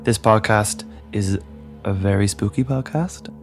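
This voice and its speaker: Low-voiced man hosting a podcast. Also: measured pace. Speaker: podcast host. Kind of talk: scripted podcast introduction. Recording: spooky music underneath. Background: spooky background music.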